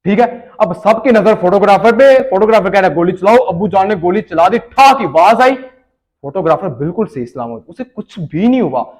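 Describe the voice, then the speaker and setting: A man with a Punjabi accent telling a funny story in a casual, animated way, switching into Punjabi for the quoted lines. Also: high voice, moderate pace. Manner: animated, switches between Urdu narration and Punjabi quoted dialogue. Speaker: comic storyteller.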